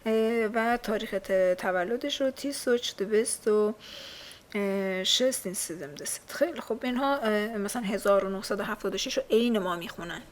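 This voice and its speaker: Over a slight hiss or hum, a woman with a medium-pitched voice and a Persian accent reads from a textbook in a casual recorded language lesson. She explains patiently, with many fillers.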